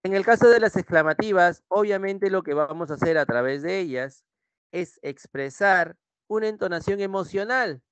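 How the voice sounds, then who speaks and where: Male Peruvian Spanish teacher, young adult, slightly high voice, dry close sound, repeats points and asks "right?" often. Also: a bit bright, clear, resonant tone, no echo. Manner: repetitive, checks in with students using "¿sí?". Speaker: pre-university language teacher. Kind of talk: online class lecture.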